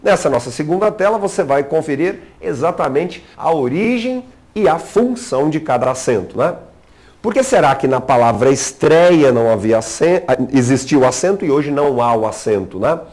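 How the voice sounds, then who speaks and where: Animated and a little mellow, a man with a slightly high voice teaches a grammar lesson at a normal speed. His explanatory, didactic style relies on rhetorical questions, checking in with the viewer and leaning on "né".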